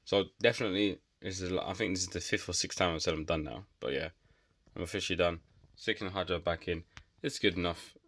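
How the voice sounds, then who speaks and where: A man's voice: deep voice, fast talker, a bit bright. A man narrating a home computer repair casually, rambling and thinking aloud with self-deprecating remarks. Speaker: DIY tech vlogger.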